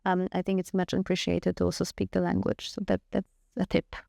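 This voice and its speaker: A middle-aged Polish woman, a scientist appearing as an interview guest, answers earnestly and frankly in a Polish accent, often restarting her sentences. Her lowish voice is gravelly and mellow, fairly quick, with a completely flat delivery. The recording is dry, clean studio sound.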